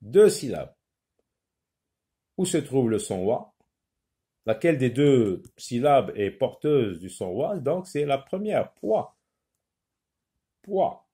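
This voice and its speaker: A man teaching a children's phonics lesson, repeating each word slowly and sometimes explaining in Arabic. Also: mid-range voice, very animated, dark tone. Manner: slow, repeats words syllable by syllable.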